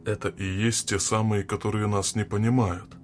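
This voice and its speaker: A man voicing a hollow, inhuman spirit bound to a skull, speaking slowly and ominously. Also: on the low side, little pitch movement, soft background music, natural voice.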